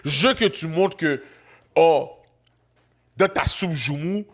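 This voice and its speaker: A man's voice: fairly high pitch, normal speed, sharp tone. A man hosting a podcast, teasing his guest and mixing in English. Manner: teasing, joking, mixes English. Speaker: podcast host. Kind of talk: casual podcast banter.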